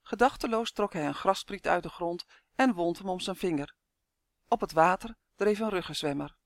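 A woman reading a children's storybook aloud with expressive, lively storytelling. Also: on the low side, moderate pace, no room sound, clean studio sound. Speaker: narrator.

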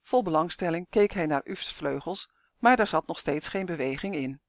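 A woman narrating a children's fantasy story in a measured, expressive way. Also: lowish voice, no room sound, clean studio sound.

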